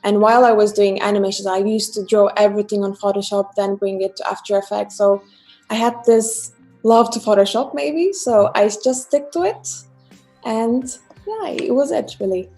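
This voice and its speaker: A woman from Istanbul, Turkey, with a Turkish accent chats casually about her own work as a guest illustrator and digital artist on a live stream. She joins by remote video call from home, speaking at normal speed in a mid-range, darkish voice with faint music behind.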